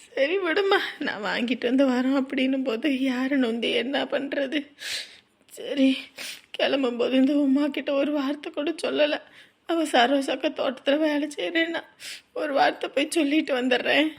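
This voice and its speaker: A woman's voice: high voice, moderate pace, vocal fry. Woman playing a tearful young married daughter. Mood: resigned. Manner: tearful, pleading. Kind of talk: village family drama acting.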